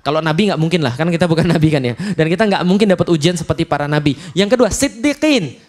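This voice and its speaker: A man with an Indonesian accent preaching a lively, humorous sermon at a study gathering, acting out quotes dramatically. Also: a little high, fast. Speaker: Islamic preacher.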